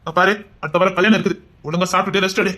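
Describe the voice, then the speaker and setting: A man plays a stern fiancé who gives orders fast and firmly. The voice is mid-pitched and bright, with a hurried, commanding push. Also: level tone. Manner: firm, commanding.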